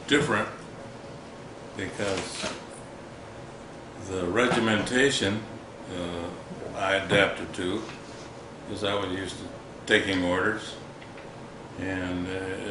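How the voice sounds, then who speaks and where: Elderly male veteran remembering his service: unhurried, lowish voice, reflective and halting, formal phrasing. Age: 80s or older. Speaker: war veteran interviewee. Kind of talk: old veteran remembering, unscripted interview recollection. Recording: echoey room with background noise.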